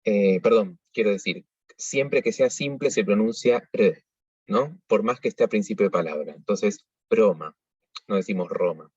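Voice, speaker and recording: Husky low man teaching. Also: darkish tone, no echo. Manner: measured, explanatory, with frequent hesitations. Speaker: liturgical singing workshop teacher. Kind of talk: pronunciation tutorial. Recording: dull lo-fi recording.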